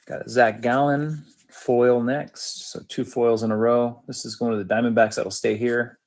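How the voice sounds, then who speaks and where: A man's voice: medium pitch, level tone, moderate pace, darkish tone. A man hosting a sports card break, reading out cards in casual, matter-of-fact, clipped phrases.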